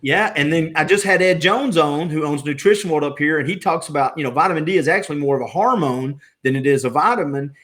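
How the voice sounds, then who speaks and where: A man's voice: on the high side, quick pace, hardly any pauses, a bit bright. Rambling man hosting a casual podcast. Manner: rambling, self-interrupting. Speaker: podcast host. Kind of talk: casual interview chat.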